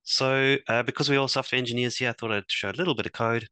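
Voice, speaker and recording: A man presenting a software demo to fellow engineers, talking hesitantly with many fillers and restarts. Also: mid-range voice, fairly even intonation, fast, smooth, no room sound. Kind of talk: technical demo talk.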